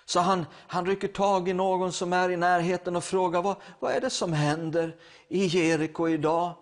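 A man's voice: high voice, fairly even intonation. A man preaching a sermon, retelling a Bible story with acted quotes and stammering restarts.

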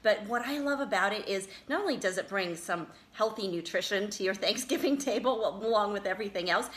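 A woman's voice: mid-range voice, brisk, a bit bright. A middle-aged woman co-hosting a show, chatting enthusiastically over a dinner table and laughing often. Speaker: show co-host. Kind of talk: casual chat over a dinner. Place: dining table indoors.

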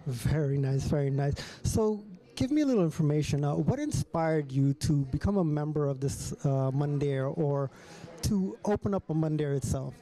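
A man's voice: on the high side, expressive, moderate pace, hardly any pauses, warm tone, low-quality recording. A man hosting on-site interviews and asking questions in a friendly, upbeat way. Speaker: host.

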